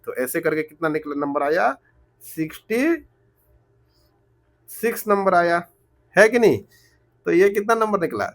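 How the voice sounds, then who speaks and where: A man teaching math, going step by step, slow and repetitive, always asking the class rhetorical questions. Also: a little high. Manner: switches between Hindi and English terms. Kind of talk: explaining math problems step by step.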